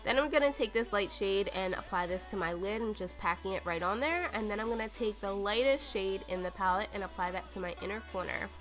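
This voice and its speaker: Woman, beauty vlogger, a bit out of breath, chatty step-by-step narration, clear tone. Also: medium pitch, a little fast, hardly any pauses, music in the background. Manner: chatty, narrating each step as she works. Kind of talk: casual makeup tutorial.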